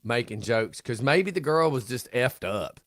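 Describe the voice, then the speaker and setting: A man's voice: medium pitch, expressive, measured pace, a bit bright, no room sound. A man hosting a morning radio show in casual banter, cracking crude, mocking jokes and laughing often.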